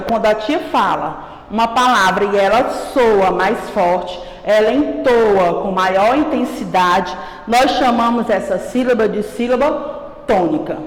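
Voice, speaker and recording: A woman teacher with a Brazilian accent giving a patient grammar lesson to children, checking in with "right?" as she goes. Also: fairly high pitch. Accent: Brazilian Portuguese. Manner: slow, patient, calls herself "a tia", checks with "certo?". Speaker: primary school teacher. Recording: echoey room with long reverb.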